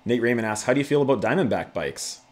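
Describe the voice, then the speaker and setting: A man's voice: mid-range voice, animated, fast, a little mellow. A man hosting a casual livestream, chatting to viewers in a laid-back, conversational way. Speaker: YouTube channel host.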